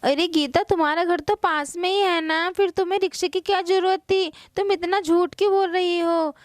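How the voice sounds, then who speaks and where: A bossy schoolteacher scolds a late pupil for lying, as a woman voices her in a doll play. Her voice sits high and her words come clipped and stern. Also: steady tone, moderate pace, no room sound, clean studio sound. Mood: scolding. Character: strict female schoolteacher with a stick.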